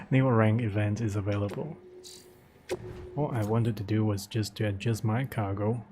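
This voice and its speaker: A man's voice: fairly low pitch, fairly even intonation, normal speed, noisy background. A man streaming a video game, talking himself through his choices in a casual, thinking-aloud commentary.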